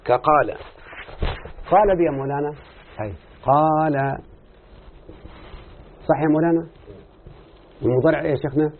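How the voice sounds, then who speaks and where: Egyptian man teaching, tinny husky recording. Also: a little high, normal speed, pauses often. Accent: Egyptian Arabic. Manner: questioning students, drawing out answers. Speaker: teacher of Arabic morphology. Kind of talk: classroom lesson explaining grammar.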